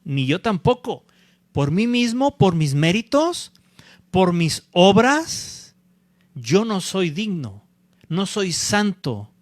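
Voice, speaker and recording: A male pastor preaching a sermon, deliberate and repeating key points, often checking in with a quick "¿sí?". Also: sits high, a bit bright, dry recording. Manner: deliberate, checks in with the congregation by asking "¿sí?"; repeats key phrases for emphasis.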